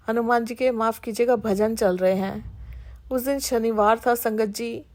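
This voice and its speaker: A woman's voice: on the high side, darkish tone. A middle-aged woman telling a heartfelt personal devotional testimony, earnestly addressing the listening congregation.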